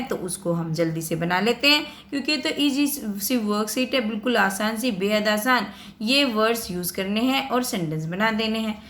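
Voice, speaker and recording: A woman's voice: medium pitch, fairly bright tone. Hindi teacher woman explaining grammar. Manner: patient, addresses students directly, repeats points. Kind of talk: explaining a worksheet lesson.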